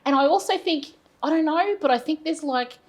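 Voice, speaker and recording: A fairly quick, high-voiced woman in her fifties from Brisbane, Australia, owns a business and is answering interview questions. Her casual chat rambles, full of fillers and self-deprecating remarks.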